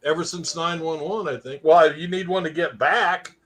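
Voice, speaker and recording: A man's voice: fairly high pitch, moderate pace, a bit bright. A middle-aged man telling rambling stories in a casual chat, laughing often.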